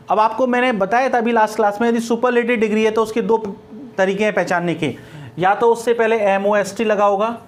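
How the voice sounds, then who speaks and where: A middle-aged man with an Indian accent teaching English grammar, explaining step by step and answering his own questions. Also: sits high. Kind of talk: classroom grammar lecture.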